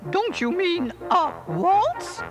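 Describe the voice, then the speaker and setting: A woman's voice: very high voice, huge pitch swings, slow, heavily acted. A woman voicing an affectionate, gushing female cartoon cow in a storybook read-along. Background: music.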